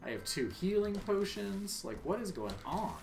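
A man's voice: sits high, sing-song, normal speed, gravelly, noisy background. A man streaming a game live, commenting as he plays and chatting with viewers in a joking, profane way.

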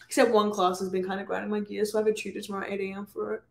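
A woman's voice: mid-range voice, flat delivery, rapid-fire, vocal fry. Chatty young Australian woman. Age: young adult. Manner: chatty, rambling with many fillers and restarts. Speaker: podcast co-host. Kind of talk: casual chat.

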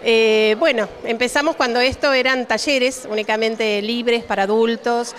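A woman's voice: fairly high pitch, steady tone, moderate pace. A middle-aged woman from Cipolletti with an Argentine accent, a ceramics teacher answering interview questions with many "eh" fillers into a handheld mic indoors. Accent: Argentine Spanish. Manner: warm-hearted, many "eh" fillers. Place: indoor exhibition hall. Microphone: handheld reporter mic.

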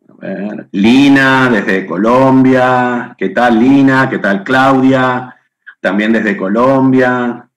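Hosting a live webinar through his webcam from a room at home, a middle-aged man from Argentina chats and welcomes viewers by name. He speaks at a medium pitch, taking his time, with an Argentine Spanish accent.

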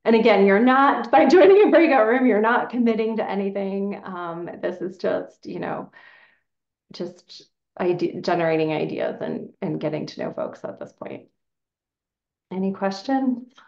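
A woman's voice: medium pitch, expressive, a little slow, creaky, echoey room. A woman running an online meeting, casual and a little hesitant, speaking through a video call. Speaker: meeting facilitator. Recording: dull lo-fi call audio.

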